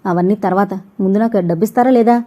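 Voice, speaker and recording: A woman's voice: mid-range voice, fast talker, lightly acted. A woman doing a spoiled demanding young wife. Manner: sharp, demanding, insulting.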